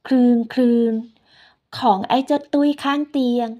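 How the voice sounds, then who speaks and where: Woman narrator, soft and unhurried, voice sitting a bit high, reads a scripted first-person story. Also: fairly even intonation.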